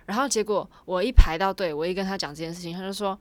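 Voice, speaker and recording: A woman's voice: medium pitch, fast talker, no echo. A woman talking casually to her viewers in a rambling, chatty way, with small laughs along the way. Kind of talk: casual storytelling vlog.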